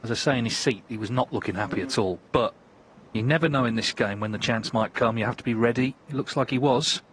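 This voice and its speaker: A man giving measured, understated analysis as part of live snooker commentary. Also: medium pitch. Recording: crowd ambience and background noise.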